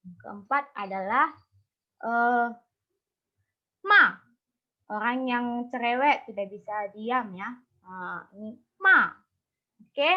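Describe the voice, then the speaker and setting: A young woman teaching Mandarin tones online, explaining patiently step by step with many fillers over a video call. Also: fairly high pitch. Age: young adult. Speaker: Mandarin tutor. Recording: dull lo-fi video call audio.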